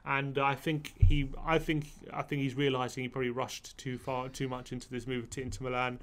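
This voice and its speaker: In a small studio with a brick wall, a young man with a brisk, mid-range voice co-hosts a football fan channel, speaking casually into a desk microphone. He's animated, restarts often, and gets heated as he goes on.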